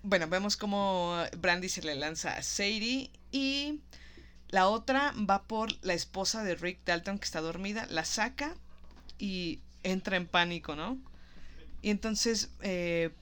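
Bright-voiced woman recapping a film. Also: mid-range voice, measured pace, clean tone. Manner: animated, acts out quoted lines. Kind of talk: casual film recap chat.

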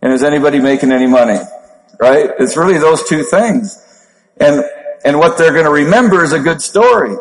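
A man in his fifties with a Minnesota accent, giving a motivational seminar talk as a network marketing trainer in a monotone voice. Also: on the high side, a little fast. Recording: long hall reverb.

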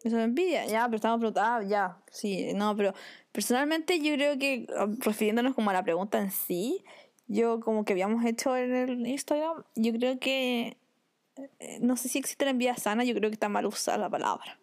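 A young woman with a Chilean accent, speaking in a fairly high voice. She talks in a casual chat, opinionated and firm, now and then acting out other people's voices. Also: brisk. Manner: opinionated, acts out quoted voices.

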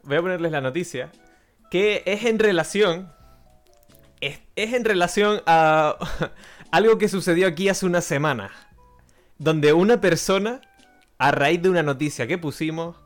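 Chatty podcast host over faint music. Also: male voice, fairly high pitch, a little slow. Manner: chatty, jokey, with frequent restarts. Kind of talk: casual live-stream chat. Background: faint background music.

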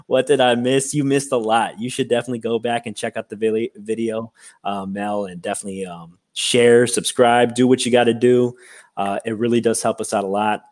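A man's voice: mid-range voice, fairly even intonation, a little fast, a little mellow. A man co-hosting a casual podcast, rambling with lots of fillers and restarts as he thanks guests and plugs the show. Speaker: podcast co-host. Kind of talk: casual chat.

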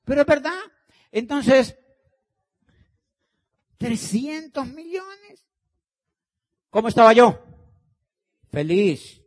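A man's voice: very high voice, very animated, very slow, pauses often. A middle-aged man speaking to an audience as a motivational speaker. He acts out the dialogue and hammers his points home with emphatic repetition. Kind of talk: animated storytelling talk.

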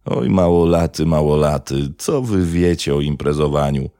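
A man's voice: rumbling low, normal speed, warm tone, clean tone, dry recording, clean studio sound. A man voicing a drunk, menacing young local thug who taunts crudely. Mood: swaggering.

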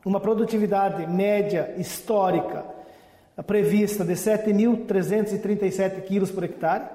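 A high-pitched man explains things as an expert interview guest. His delivery is halting, with searching pauses and repeats, and his tone is soft-edged and mellow. The room rings with a long echo. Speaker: technical director of an agricultural extension agency, interview guest. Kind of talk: explanatory interview answer on farming. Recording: echoey room with long reverb.

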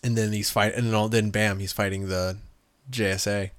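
A man casually talking through a movie review with a co-host, rambling and animated, with lots of filler words. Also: fairly low pitch, normal speed. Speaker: podcast co-host.

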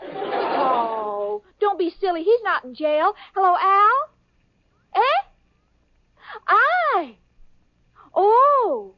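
A woman's voice: extremely high pitch, big pitch swings, extremely slow, pauses often, no echo, heavily acted. An actress playing Irma, a sweet but scatterbrained young woman, in a 1940s radio sitcom. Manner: dim, earnest, giggly. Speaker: sitcom lead. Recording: muffled old radio broadcast with studio audience.

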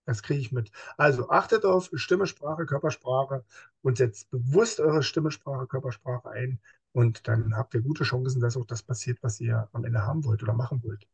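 A police officer as an interview guest in casual talk, explaining with everyday examples and acting out what people say in other voices. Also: male voice, medium pitch, normal speed, gravelly, husky. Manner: lively, acts out quoted speech in other voices.

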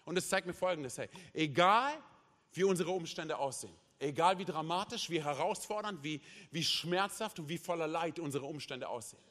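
A man with a high-pitched voice preaches a sermon, his delivery impassioned and swinging between loud declarations and hushed passages. He keeps tagging his sentences with quick "hey" and "oder?" asides to the congregation. His voice carries a long reverb from a large church hall. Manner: peppers speech with "hey" and "oder?" tags. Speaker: pastor.

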